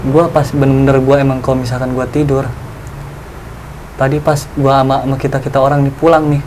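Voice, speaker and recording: A man telling his own ghost experience in a casual, animated chat, acting out his friends' voices. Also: medium pitch, background noise.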